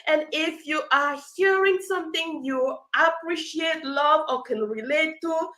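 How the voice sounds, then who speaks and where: A woman's voice: high-pitched, unhurried, pushed and bright. A woman hosting a live stream, talking cheerfully, laughing often and reading viewer comments aloud. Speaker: live session host, accessibility expert.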